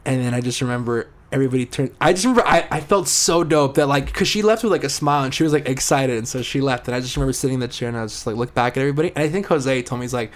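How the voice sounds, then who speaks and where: A young man co-hosting a podcast, telling stories in a casual, animated way full of fillers and restarts. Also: medium pitch, rapid-fire, few pauses. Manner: animated storyteller, lots of filler words and restarts. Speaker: podcast co-host. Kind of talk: casual chat.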